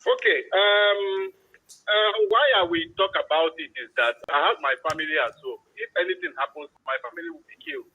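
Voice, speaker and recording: A male caller comes through a thin, clipped phone line, his voice husky and pitched high. He talks fast and keeps checking that he is heard. He pushes in eagerly over the host. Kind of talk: call-in radio talk.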